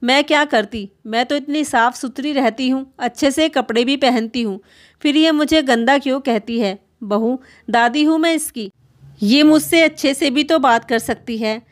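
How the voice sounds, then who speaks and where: A woman's voice: high-pitched, moderate pace, close to an everyday voice. A woman playing a wronged, pleading grandmother. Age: older. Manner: plaintive, complaining, pleading. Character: aggrieved elderly grandmother, meek and tearful.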